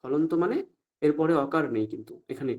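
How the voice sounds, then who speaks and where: A man teaching Sanskrit pronunciation in an online class, often stopping to ask if everyone follows and saying the examples out slowly. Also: on the high side, narrow, tinny audio. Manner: asks the class frequent check-up questions, slow deliberate recitation of examples.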